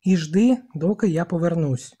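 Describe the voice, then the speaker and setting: A stubborn boy leader, as an audiobook reader puts him on, calling out in loud, emphatic bursts. The voice is mellow and slightly husky under the raised tone. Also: medium pitch, moderate pace, close to an everyday voice. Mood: commanding.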